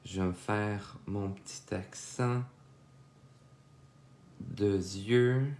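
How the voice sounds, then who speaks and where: A man's voice: on the low side, extremely slow, darkish tone, echoey room. A young man with a Québécois accent, chatting casually with viewers while teaching a drawing lesson live, full of fillers and asides. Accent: Québécois French. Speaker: drawing instructor. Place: home studio.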